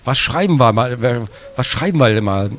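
A man's voice: mid-range voice, expressive, moderate pace, fairly bright tone. A man streaming live, joking with his chat in a playful, teasing way.

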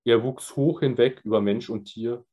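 A man voicing a calm old sage who speaks in a grave, measured teaching tone. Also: mid-range voice, husky, highs cut off, close to an everyday voice.

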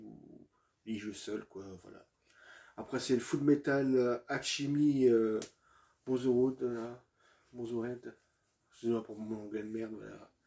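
A man's voice: mid-range voice, dark tone. A man presenting his video game collection in a casual, hesitant way, with many fillers and restarts, addressing viewers as friends.

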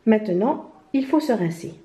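A woman reading a children's picture book aloud in a gentle storytelling manner. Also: mid-range voice, animated, moderate pace. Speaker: storybook reader. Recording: roomy, slightly dull home recording.

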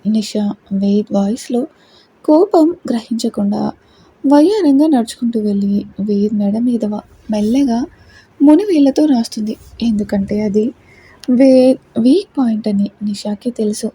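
A woman narrating a romance story aloud as the channel's regular reader, in a gentle, even storytelling manner. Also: on the high side, a little slow, breathy edge, poor audio.

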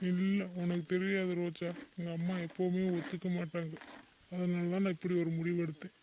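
A woman's voice: fairly low pitch, level tone, brisk, a little hiss or hum, natural voice, rough recording. A woman voicing a young man who earnestly pleads with his mother in a cartoon family drama. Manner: earnest, apologetic.

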